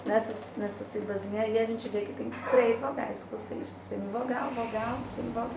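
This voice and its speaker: A woman's voice: on the high side, fairly even intonation, gravelly. Brazilian woman teacher, patient, echoey room. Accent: Brazilian Portuguese. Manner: patient, checks in with tag questions, spells out syllables slowly. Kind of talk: remote class lesson, explaining grammar exercises. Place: home room, recorded for a remote class. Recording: roomy, distant home recording with loud background noise.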